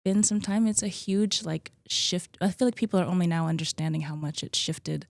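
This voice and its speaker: On the low side and brisk, a woman in her thirties chats casually as a podcast guest; she co-owns a gym. Relaxed and talkative, she leans heavily on "like" and "um" in this conversational interview. The recording is dry.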